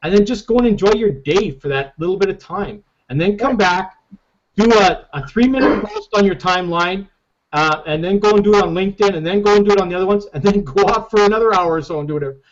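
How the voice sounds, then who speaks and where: A man's voice: high voice, lively intonation, quick pace. A man leading a casual group call as a marketing team leader, emphatic and repeating "okay?" often, over dull lo-fi call audio.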